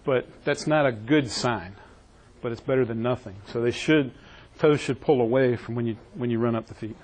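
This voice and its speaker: A man's voice: medium pitch, normal speed, darkish tone, poor audio. A man teaching a classroom EMS training session, quizzing his trainees and joking with them. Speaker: EMS instructor.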